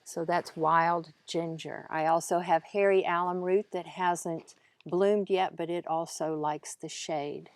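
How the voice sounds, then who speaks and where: A woman's voice: lowish voice, steady tone, slow, few pauses, no echo. A woman gives a casual, instructive walk-through of her garden, pointing out plants in plain words. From Kentucky, United States. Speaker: gardener giving a garden tour. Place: outdoors in a home garden. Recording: outdoor ambient noise behind voice. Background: faint outdoor ambience.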